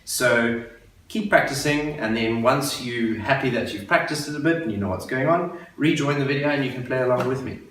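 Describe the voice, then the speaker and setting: A man's voice: mid-range voice, a bit bright. A man giving a patient, step-by-step guitar lesson for beginners, counting beats and repeating each step. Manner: patient, explains slowly and repeats steps. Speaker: guitar teacher. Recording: very echoey room, voice a bit far from the mic, guitar playing.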